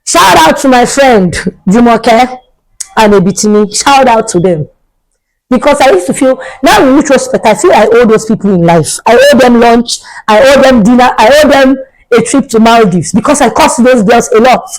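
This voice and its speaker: Animated woman telling a story. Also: normal speed, low-quality recording. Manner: animated, dramatic storytelling with sudden jumps in pitch. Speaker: vlogger. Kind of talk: storytime vlog.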